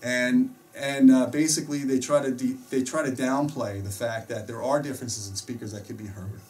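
Here the same sort of host, a middle-aged American audio reviewer, gives opinionated, emphatic explanations in a casual style. His medium-pitched voice has a darkish tone and fairly even intonation at a moderate pace. The recording comes from a distant mic in a small home theater room.

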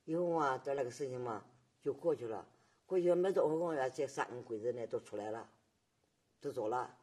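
A woman, recounting her memories in halting, repetitive testimony and often asking her listener whether they follow. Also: very deep voice, warm tone, husky. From Nanjing, China. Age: 80s. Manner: halting, repetitive storytelling with frequent tag questions. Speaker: survivor giving testimony. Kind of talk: oral history testimony.

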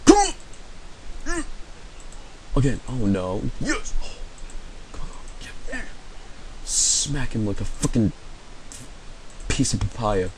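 Excitable man yelling through gameplay commentary. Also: fairly low pitch, slow, long pauses, noisy background. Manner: excitable, swearing, shouting at the game. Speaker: gaming video host. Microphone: headset.

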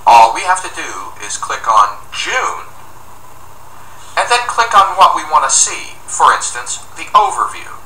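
A middle-aged man walking viewers through software screens step by step, upbeat and explanatory, recorded at a desk in an office. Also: fairly high pitch, sing-song, a little slow. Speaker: software tutorial presenter. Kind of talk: screencast walkthrough narration. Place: office room indoors, at a desk. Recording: roomy, distant mic with faint noise.

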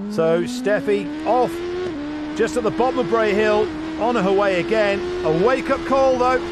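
A man commentating a race lap with lively, reactive play-by-play. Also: sits high. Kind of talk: race commentary over a video game lap. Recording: loud race engine noise behind.

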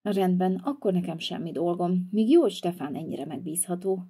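A woman's voice: fairly low pitch, dark tone, husky. A woman voicing an exasperated scolding mom. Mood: weary. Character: bossy scolding mother. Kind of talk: toy-figure video voice acting.

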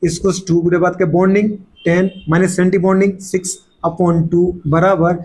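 A man's voice: high-pitched, little pitch movement, darkish tone. A middle-aged man teaching chemistry to a class, firing off rhetorical questions and playfully scolding students, sometimes voicing their replies. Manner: fast repeated catchphrases and rhetorical questions. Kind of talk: classroom lecture.

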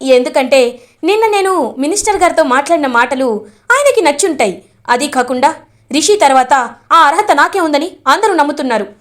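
A boastful, scheming young man from a family drama, as a woman narrator puts him on. He talks fast and excitedly, his voice jumping high with gloating pride. The voice sits high and lively.

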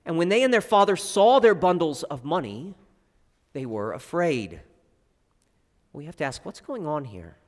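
A male pastor preaching a sermon, with expressive swings from loud emphasis to quiet, low asides. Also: normal speed, pauses often. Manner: expressive preaching with wide swings in pitch and loudness. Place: church sanctuary. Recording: long church reverb.

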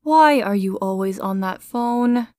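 A woman's voice: medium pitch, measured pace, background noise, lightly acted. A woman voicing a gullible, strict mom who believes everything on the news, with a scolding, bossy manner.

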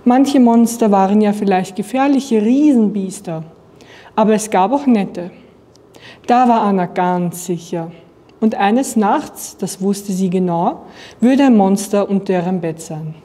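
A young woman from Austria reads a children's picture book aloud in a calm, even storytelling voice. Her tone is mellow and soft. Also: medium pitch, unhurried. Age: young adult. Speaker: student reading aloud.

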